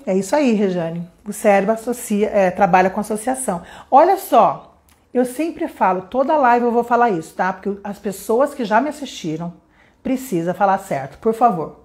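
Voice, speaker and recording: A woman from Brazil teaching English on a live stream, chatty and lively, greeting viewers by name. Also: on the high side. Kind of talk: live-streamed lesson chat.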